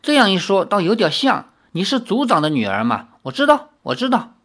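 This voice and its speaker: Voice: mid-range voice, big pitch swings, a little fast. A narrator doing a threatening male spy. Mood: flustered. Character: sly hostile male spy, bluffing and quick to threaten. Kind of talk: audiobook character voice.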